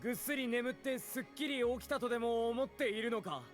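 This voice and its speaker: A man's voice: very high-pitched, very fast, faint music behind. An actor playing a sleepless, irritable king in an audio drama, imperious and scolding. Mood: irritated, haughty.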